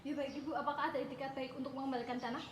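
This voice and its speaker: A woman plays a persistent female reporter in a parody news interview. Her voice is high and sits away from the mic in an echoey space. Loud noise surrounds it. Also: fairly even intonation, racing, natural voice. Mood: insistent. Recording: noisy, echoey, distant mic.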